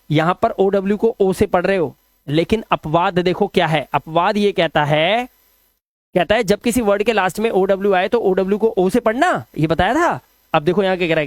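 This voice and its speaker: Male tutor, high-ish voice, chatty and explanatory, dry close recording. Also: no room sound. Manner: chatty, repeats example words slowly, addresses viewers as friends and sir. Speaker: English teacher. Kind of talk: spoken lesson on English spelling rules.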